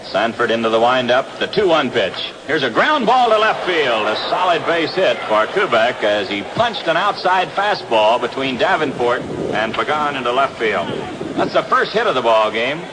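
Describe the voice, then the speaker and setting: A very animated American man, medium in pitch and moderate in pace, calls baseball play-by-play like a 1960s radio announcer. The setting is an outdoor ballpark, and the audio is a noisy 1962 vintage radio broadcast.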